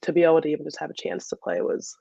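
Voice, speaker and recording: A young American woman from Michigan, a former college soccer player, answers interview questions casually and chattily, often laughing. Her deep, creaky, dark-toned voice swings widely in pitch as she races along. The recording has no echo and its highs are cut off.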